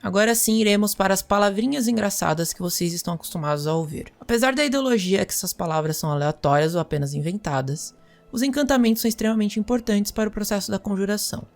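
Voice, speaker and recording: Woman playing a wizard teacher, calm explaining tone, talks right to the class. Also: mid-range voice, faint music behind. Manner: measured, explanatory, addresses students directly. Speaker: fantasy magic teacher. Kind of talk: scripted role-play lecture.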